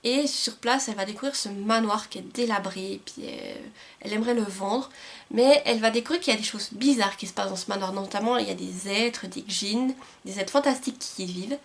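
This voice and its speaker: A woman's voice: mid-range voice, brisk, vocal fry. A woman book vlogger talking casually and enthusiastically about books she received, with frequent filler words. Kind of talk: casual book haul chat.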